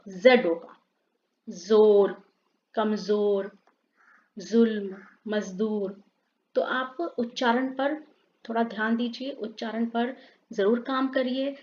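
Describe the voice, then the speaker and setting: Woman teacher, unhurried and deliberate, reads word lists for a class, muffled lo-fi sound. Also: on the high side. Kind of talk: grammar lesson for students. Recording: dull lo-fi sound.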